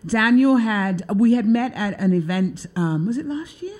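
A woman's voice: on the high side, lively intonation, moderate pace, a little mellow. A woman hosting a talk show, chatting loosely with lots of filler words. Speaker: show host. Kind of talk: casual interview chat.

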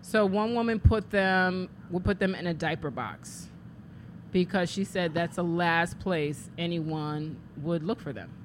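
Woman interview guest, lowish voice, relaxed chat, faint hiss. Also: measured pace. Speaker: guest, business founder. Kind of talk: casual radio interview.

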